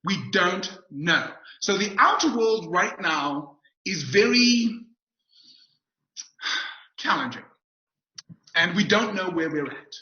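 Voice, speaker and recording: This man's high-pitched voice is animated, pushed, and bright, yet he speaks slowly with long pauses. He's an upbeat motivational speaker giving an emphatic webinar talk on a video call, repeating key phrases, and the audio is roomy and dull.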